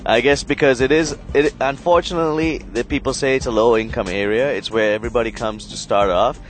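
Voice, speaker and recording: A man from Sri Lanka talking casually in an interview, animated and proud, rambling with fillers. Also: mid-range voice, a little fast, faint music behind, poor audio. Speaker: interviewee, local resident.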